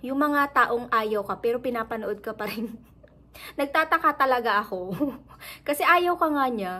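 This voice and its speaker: Filipina vlogger, casual and chatty, mid-high voice, laughs easily. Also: female voice, a bit bright. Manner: chatty, laughs often, mixes English into Tagalog. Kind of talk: casual vlog chat.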